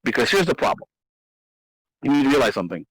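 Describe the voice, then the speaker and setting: A man's voice: medium pitch, big pitch swings, quick pace, husky, no room sound, poor audio. Man explaining game strategy at length. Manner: explanatory, repeats himself, emphatic. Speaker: host. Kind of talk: casual gaming strategy discussion.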